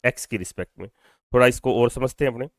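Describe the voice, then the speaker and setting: A man's voice: mid-range voice, fast talker, no echo, clean studio sound. A man teaching a physics class in Hindi mixed with English. He explains step by step, asks questions and answers them himself, and has the students repeat terms after him. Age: adult over twenty-two. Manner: mixes Hindi with English phrases. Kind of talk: classroom lecture.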